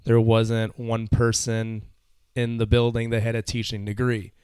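A man's voice: mid-range voice, completely flat delivery, a little slow, a little mellow, clean tone, no echo, clean studio sound. Earnest man telling his story. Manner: earnest, a little nervous, with fillers. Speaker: podcast guest. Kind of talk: casual storytelling.

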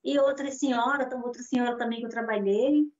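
High-voiced Brazilian woman telling a story. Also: fairly quick. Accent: Brazilian Portuguese. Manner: animated storyteller acting out dialogue. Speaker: guest. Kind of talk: storytelling interview over video call. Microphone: video call mic. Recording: dull lo-fi call audio.

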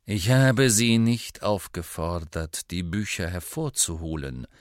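A man voicing a cold, contemptuous male teacher who speaks slowly and deliberately in a storybook reading. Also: lowish voice, big pitch swings, no room sound, clean studio sound, full character voice. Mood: icy. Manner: slow, deliberate, cutting.

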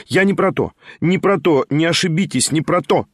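A jittery, excitable young schemer, put on by a male reader pours out his words in a quick, lifted voice. He chatters and presses on without pause. The sound is dry and close. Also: fairly high pitch, no echo, voice pushed up. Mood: eager, chattering. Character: eager fast-talking scheming young man.

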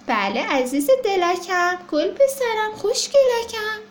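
A woman's voice: very high voice, sing-song, slight background noise, voice pushed up. Woman voicing a doting mother elephant. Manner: coaxing, affectionate. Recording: roomy echo.

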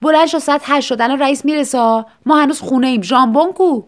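A woman voicing a brash, impatient young housemate who speaks loudly and scolds. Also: very high-pitched, voice pushed up. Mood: urgent.

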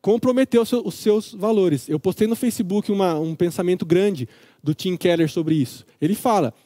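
A man with a Brazilian accent teaching a Bible study in a lively, joking way, acting out the characters. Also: high-pitched, moderate pace, no echo, clean studio sound.

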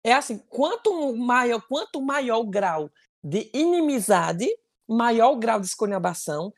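A woman's voice: on the high side, sing-song, measured pace. A woman with a Cearense accent chatting casually, explaining things with jokes. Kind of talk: casual chat.

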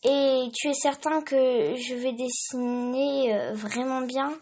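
An excitable little girl , as a woman reading a storybook puts her on, pitched up high and full of eager bounce. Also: slow pace, slight background noise.

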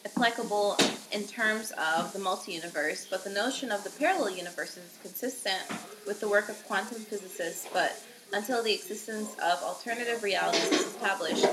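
A woman's voice: medium pitch, a little fast, background noise. A woman co-hosting a casual podcast, rambling and giggly, correcting herself as she goes. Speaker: podcast co-host.

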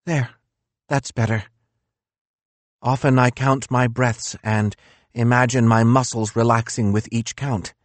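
A man's voice: mid-range voice, fairly even intonation, measured pace, pauses often, dry recording, pitched above the performer's own voice, natural voice. A man voicing a proud male philosopher weakened by a migraine, intense and accusing in a weak voice. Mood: weak, calming. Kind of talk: audiobook character voice.

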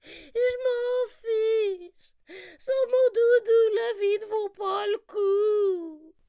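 A woman's voice: extremely high pitch, measured pace, a little mellow, no room sound, studio quality. A woman voicing a small, stubborn bunny in a storybook reading, whimpering and pleading. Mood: crying.

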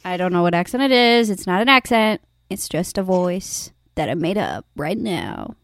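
A woman's voice: on the low side, lively intonation, moderate pace, dry recording, clean studio sound. A young woman hosting a casual podcast chat, rambling with fillers and restarts. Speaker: podcast host.

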